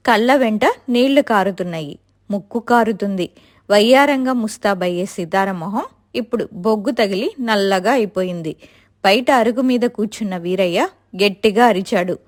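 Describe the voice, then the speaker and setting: A woman telling a family story in steady, expressive scripted narration. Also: mid-range voice, moderate pace.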